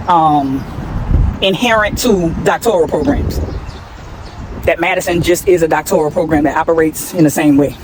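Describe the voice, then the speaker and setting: A vlogger in her forties chats casually and directly to the camera, calling her viewers y'all. Her voice is fairly low, with a noisy background.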